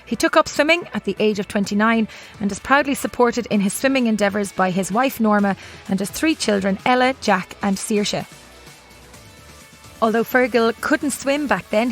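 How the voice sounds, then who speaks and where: An Irish woman hosts a sports podcast, presenting guests and putting questions to them. Her voice sits a little high in pitch. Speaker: podcast host. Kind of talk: scripted introduction and interviewing.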